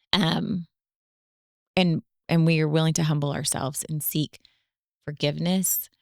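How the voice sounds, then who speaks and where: A woman with a notably low voice talks earnestly and reflectively on a faith-based family podcast, pausing on fillers as she thinks aloud. The sound is close and dry, with no room around it. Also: vocal fry, clean tone, no echo. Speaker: podcast co-host.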